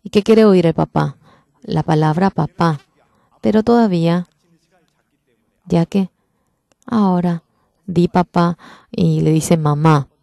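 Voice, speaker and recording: A woman's voice: fairly low pitch, slow pace, creaky, long pauses, mellow, no room sound, clean studio sound. A woman giving a sermon in interpretation, putting rhetorical questions to the congregation.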